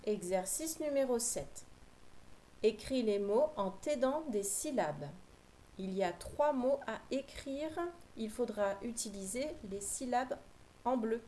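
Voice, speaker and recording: A woman teacher giving a slow, patient phonics lesson for young children, spelling out sounds clearly. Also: on the high side, lively intonation, warm tone, slight background noise, low-quality recording.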